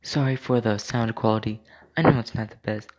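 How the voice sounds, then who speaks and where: A man running a tabletop game as game master and host, describing scenes plainly and unhurriedly, heard through a low quality voice-chat stream. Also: brisk, a little mellow. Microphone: computer mic over voice chat. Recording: echoey, noisy low-quality voice-chat audio.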